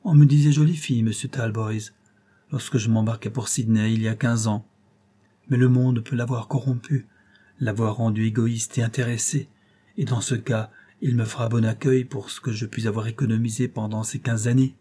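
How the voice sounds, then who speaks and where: A man reading aloud, voicing a sad, anxious governess who speaks quickly and pleadingly in a slightly raised voice. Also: medium pitch, fairly even intonation, dark tone, breathy edge, natural voice. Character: lonely faded woman governess, sad, anxious.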